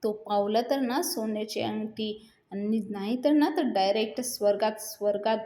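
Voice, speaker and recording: A woman voicing an angry older village man who scolds loudly in rustic speech, in an echoey room. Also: medium pitch, moderate pace, lightly acted.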